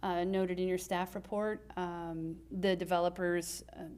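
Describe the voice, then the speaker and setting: Woman, staff presenter at a council meeting, lowish voice, methodical and plain. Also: flat delivery, a little slow, a little mellow, clear, resonant tone. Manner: explains step by step, with frequent ums and uhs. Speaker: city planning staff presenter.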